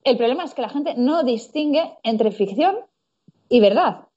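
A woman's voice: fairly high pitch, lively intonation, measured pace, mellow, husky, highs cut off. A woman speaking as a guest in a casual discussion, opinionated and thinking aloud with restarts. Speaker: podcast guest.

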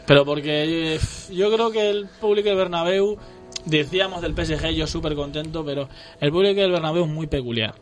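A man in a casual football chat, opinionated and animated, speaking as a fan. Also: fairly high pitch, brisk, faint music behind.

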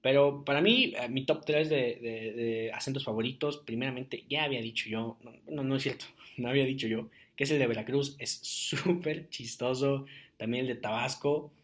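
A young man talks alone into his podcast mic. He rambles in a loose, chatty way and fills his talk with fillers. His voice sits at an ordinary middle pitch. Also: moderate pace, a bit bright. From Jalisco, Mexico. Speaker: podcast host. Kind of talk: casual solo podcast monologue.

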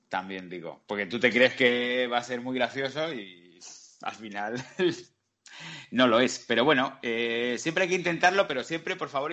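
Bright-voiced man making wry asides. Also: mid-range voice. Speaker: podcast co-host. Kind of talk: casual chat.

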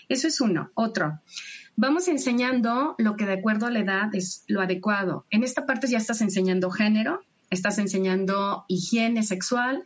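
A woman, a podcast guest explaining sex education in an animated way and laughing often. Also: medium pitch. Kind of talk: podcast conversation. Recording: dull lo-fi sound.

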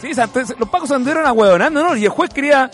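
A man with a Chilean accent hosting a casual street radio show, joking around and calling football plays in excited bursts. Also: very high-pitched, fast talker, soft background music. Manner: jokey, excitable, calls goals in bursts. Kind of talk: casual street radio chat with play-by-play commentary.

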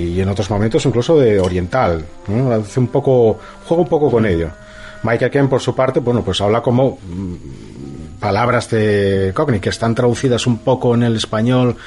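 A man's voice: mid-range voice, darkish tone. A man talking casually about a film, enthusiastic and rambling, with many fillers and restarts. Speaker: film commentator. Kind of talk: casual film chat on a radio show.

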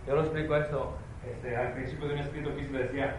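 A man preaching a sermon with a Mexico City accent, swinging between loud emphatic declarations and low confiding asides. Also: little pitch movement, fast talker. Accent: Mexico City Spanish. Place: church hall. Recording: very echoey church hall with faint noise.

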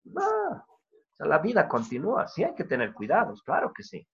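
Earnest preacher on a video call. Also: male voice, high voice, wildly swooping pitch, normal speed, vocal fry. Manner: earnest, conversational, frequent tag questions. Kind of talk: sermon over video call. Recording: dull lo-fi video call audio.

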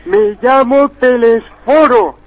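A man's voice: extremely high pitch, takes it slowly. A man voicing a pompous, indignant 106-year-old village man who calls in to a radio show and demands respect. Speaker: caller. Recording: muffled phone line.

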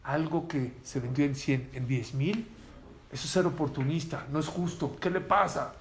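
A man's voice: fairly high pitch, normal speed, echoey room, a little hiss or hum, lightly acted. A man voicing a stern, formidable wife who scolds and commands in a storytelling sermon. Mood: indignant. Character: stern, formidable wife, middle-aged woman.

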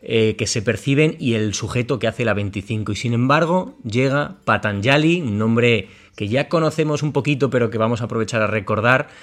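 A man hosting an interview podcast in a medium-pitched voice, speaking reflectively, restating what his guest said and dropping short acknowledgments. He sounds like he is weighing each answer. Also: brisk, hardly any pauses, a bit bright. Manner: reflective, paraphrasing, short backchannels. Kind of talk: casual interview chat.

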